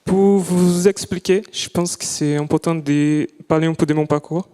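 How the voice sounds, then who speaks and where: A young adult man, French not being his first language, presents a student project live in a lecture hall, speaking carefully and restarting often as he searches for words. His voice is on the high side, steady, dark, clear and resonant at normal speed, with long reverb from the hall.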